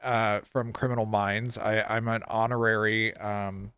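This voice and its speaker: A man's voice: fairly low pitch, flat delivery, unhurried, a bit bright, smooth, no room sound. A man hosting a podcast in casual chat, speaking hesitantly with many "uh" and "um" fillers. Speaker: podcast host.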